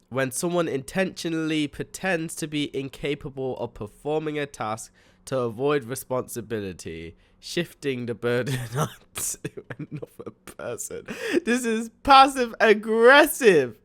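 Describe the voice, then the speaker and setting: A man giving casual reaction commentary on a video, halting and incredulous. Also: mid-range voice, expressive. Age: older than young adult.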